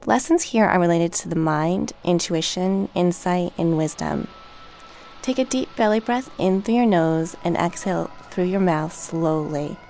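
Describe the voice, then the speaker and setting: A woman narrating a guided meditation in a calm, gentle, measured and soothing way. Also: fairly low pitch, gravelly. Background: relaxation track with music, dolphin and water sounds.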